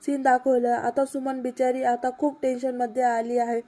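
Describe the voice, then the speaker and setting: A woman recapping a TV serial episode in a chatty, casual way, talking straight to her viewers. Her voice is high-pitched and level, with little rise and fall. The tone is dark and mellow. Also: level tone, moderate pace. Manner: chatty, addresses viewers directly.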